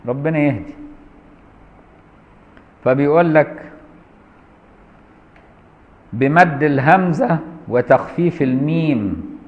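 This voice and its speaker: An Egyptian teacher of Islamic law comments on a law text in class, tossing in colloquial, mocking asides between readings. He has a medium-pitched voice and an Egyptian Arabic accent, recorded lo-fi in a roomy, echoey lecture hall.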